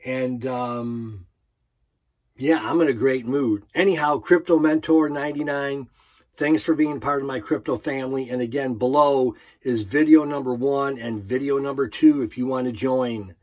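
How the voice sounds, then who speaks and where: Guy in his 50s doing a casual vlog from a sauna, mid-pitched voice, short informal phrases, mic at arm's length. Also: fairly even intonation, moderate pace. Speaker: crypto vlogger. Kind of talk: casual chat to camera. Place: small wooden sauna cabin, indoors. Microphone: phone or camera at arm's length.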